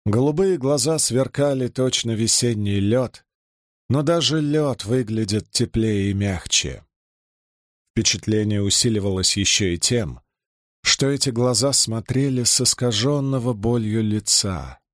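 Male audiobook narrator: unhurried, measured delivery, mid-pitch. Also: no room sound, studio quality. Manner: measured, even reading. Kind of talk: scripted narration.

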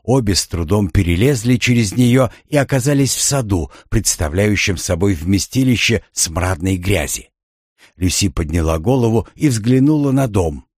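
Low male audiobook narrator, measured and even, dry close recording. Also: slightly rough, no echo. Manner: measured, even storytelling delivery.

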